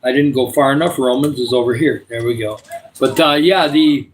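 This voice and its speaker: At medium pitch and normal speed, a man in his sixties talks loosely with the people watching his live stream, drifting between subjects, and prays over them.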